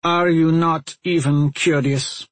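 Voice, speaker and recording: A stern older witch gives orders with cold, impatient scorn, voiced by a man reading a storybook. The voice is husky and raised in pitch. The recording is close and dry. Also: sing-song, measured pace, no room sound, exaggerated voice. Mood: imperious.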